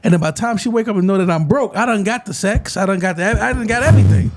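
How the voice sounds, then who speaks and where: A man of about forty co-hosting a casual podcast chat, telling stories in an animated way and laughing as he goes. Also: high voice, fast talker. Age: 40s. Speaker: podcast co-host.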